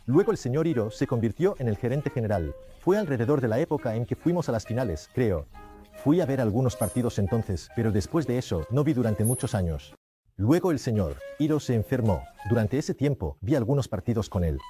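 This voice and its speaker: A man in his fifties with a warm, mellow tone, telling stories in a relaxed way and pausing to correct himself. He is a show host who once played rugby, and soft music plays faintly behind him. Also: medium pitch. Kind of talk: reminiscing in casual conversation.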